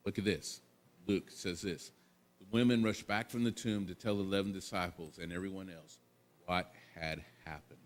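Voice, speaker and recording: A man's voice: sits low, fairly even intonation, moderate pace. A man pastor giving a sermon in a conversational tone, asking the congregation rhetorical questions and adding casual asides.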